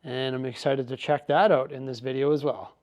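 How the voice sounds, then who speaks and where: A man's voice: mid-range voice, fairly even intonation, brisk, darkish tone, muffled recording. A man chatting casually and upbeat in a vlog as he tidies his garage and studio, rambling through asides. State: out of breath. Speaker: vlogger.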